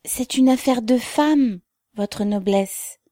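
A woman's voice: medium pitch, slow, mellow, no echo, studio quality, lightly acted. A woman voicing a fawning, cunning older market woman who plays dumb before an officer. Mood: timid. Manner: servile, mock-humble pleading.

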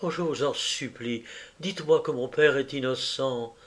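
A man's voice: mid-range voice, normal speed, lightly acted. A man reading aloud as an anguished, insistent young woman, raising his voice in pleading emotion.

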